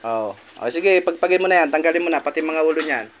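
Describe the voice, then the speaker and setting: Stern, high-voiced healer. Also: male voice, expressive, quick pace, a little hiss or hum. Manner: stern and commanding, scolding with repeated "ha?"; loud, forceful voice that drops to quiet asides. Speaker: folk healer. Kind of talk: spontaneous healing ritual, addressing a patient and viewers.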